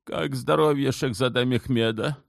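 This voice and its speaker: A man's voice: mid-range voice, steady tone, moderate pace, vocal fry, no room sound, clean studio sound, pitched above the performer's own voice, close to an everyday voice. A man voicing the sultan's mother in an audiobook, an older woman who speaks firmly and measuredly, clipped when pressed. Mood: soothing. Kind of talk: audiobook character voice.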